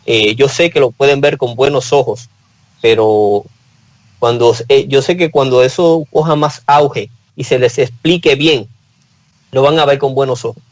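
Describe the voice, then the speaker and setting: A man's voice: mid-range voice, measured pace, dry recording, low-quality recording. A man with a Puerto Rican accent, speaking as a guest in a casual panel discussion and telling personal stories earnestly. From Puerto Rico.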